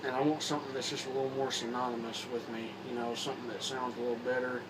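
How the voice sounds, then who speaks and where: Speaking to camera in a casual vlog, a Kentucky man with a Southern accent rambles along in a flat, mid-range voice. A cold has left him a bit hoarse, and his speech stops and starts with repeats and fillers. The recording comes from a distant phone or camera mic with noise behind him.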